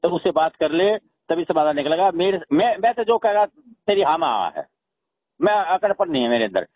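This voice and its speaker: This is a heated telephone conversation in which a middle-aged father-in-law with a Haryanvi accent keeps pressing his point in a family dispute, saying things again to get heard. He sounds a little high and brisk, with lively intonation.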